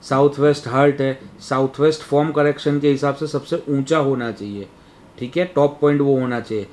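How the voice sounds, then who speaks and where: A man's voice: medium pitch, steady tone, normal speed, a little mellow. A man teaching a Vastu webinar, explaining step by step and often checking in with "right?". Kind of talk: webinar lecture.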